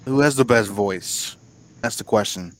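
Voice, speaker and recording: A man's voice: lowish voice, a little slow, slight background noise. A young man co-hosting a casual podcast, steering the chat and making crude, teasing jokes. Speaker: podcast co-host steering the talk.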